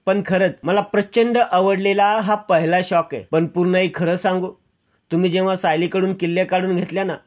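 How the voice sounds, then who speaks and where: Affectionate motherly woman, voiced by a man, high, talkative. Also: fairly even intonation, brisk, lightly acted. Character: warm motherly woman of the house.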